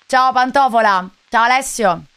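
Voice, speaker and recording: A woman in her late twenties with a Sicilian accent, chatting with viewers during live game commentary in an excitable, repetitive manner. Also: a little high, moderate pace, clear, resonant tone. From Sicily, Italy. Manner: excitable, repetitive, mild swearing. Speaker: live streamer. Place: indoor gaming room. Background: game music with drums.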